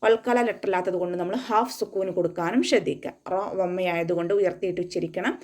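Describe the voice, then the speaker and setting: A Quran recitation teacher gives an online tajweed lesson, patiently walking through each rule step by step. Her voice sits on the low side and is a little mellow, and she recites Arabic slowly and melodically between explanations.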